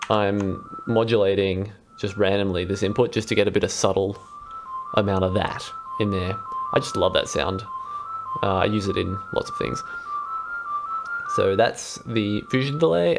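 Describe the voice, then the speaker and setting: This clip features a young man whose gravelly, lowish voice keeps a normal speed. A vlog host and electronic musician, he casually talks through a music patch demonstration at a computer in a small indoor room while synth music plays.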